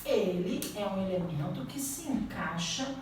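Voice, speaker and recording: With a medium-pitched, lively voice and a slightly slow pace, a Brazilian Portuguese teacher leads a grammar class, asking students rising questions. Background noise and echo come through because the mic sits at a distance.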